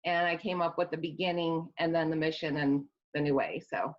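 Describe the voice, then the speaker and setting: Speaking a little fast in a low, steady voice, a Midwestern-accented author appears as a guest in a casual interview, talking earnestly about her work with some rambling and restarts. The audio is dull and lo-fi.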